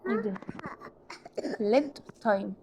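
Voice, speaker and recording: A woman with an Egyptian Arabic accent hosting a horror game let's-play, excitable and jumpy as she talks through her fright. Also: a little high, unhurried, a little hiss or hum. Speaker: gaming channel host.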